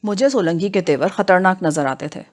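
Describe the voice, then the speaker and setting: A woman reads a thriller novel aloud in the first person. Her voice sits fairly low, and her delivery is steady and measured, in the manner of a practiced audiobook narrator. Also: a little hiss or hum.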